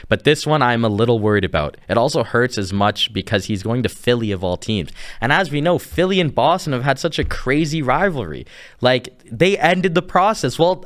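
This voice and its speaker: A young man from Canada hosts a casual sports podcast, ranting in an animated, incredulous way. He breaks into laughs as he talks, and his voice sits at an ordinary middle pitch. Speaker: podcast host.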